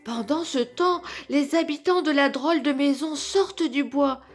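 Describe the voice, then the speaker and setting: A woman reading a children's story aloud as a storyteller, slow and clearly paced. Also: high-pitched, soft background music.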